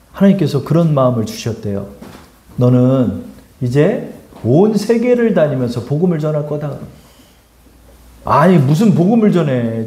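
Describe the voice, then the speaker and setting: Emphatic Korean pastor in echoey hall. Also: male voice, medium pitch, dark tone. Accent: Seoul Korean. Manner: emphatic, rhetorical questions, acts out quotes. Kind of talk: sermon. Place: church sanctuary.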